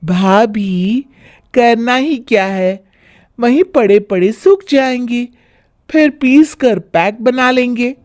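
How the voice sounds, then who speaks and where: A woman's voice: on the high side, slow, darkish tone, pitched above the performer's own voice. A woman voicing a carefree young unmarried girl who teases her sister-in-law in a breezy way. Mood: teasing, breezy. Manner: breezy, teasing.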